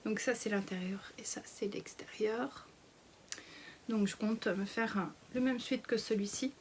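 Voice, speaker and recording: A woman's voice: medium pitch, unhurried, darkish tone, a little hiss or hum. A woman in her thirties chatting casually through a sewing haul, hesitant with many fillers and often half-whispering. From France. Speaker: sewing vlogger. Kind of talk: casual fabric haul chat.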